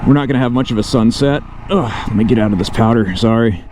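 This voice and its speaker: A motovlogger with a mid-range voice talks fast while riding a motorcycle outdoors, narrating a casual, off-the-cuff vlog. He thinks aloud to himself and his viewers over loud vehicle and outdoor noise.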